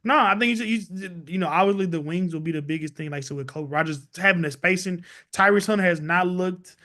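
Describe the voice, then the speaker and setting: Guy hosting a sports pod, high bright voice, kinda rambly with lots of you knows. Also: a little fast. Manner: rambling, full of "you know" and "like" fillers. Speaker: sports podcast host. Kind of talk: casual sports chat.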